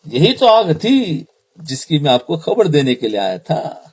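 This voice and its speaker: A man's voice: a little high, very animated, breathy edge. A man preacher acting out a polite visitor who keeps respectfully insisting. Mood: insistent. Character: persistent polite man warning of fire.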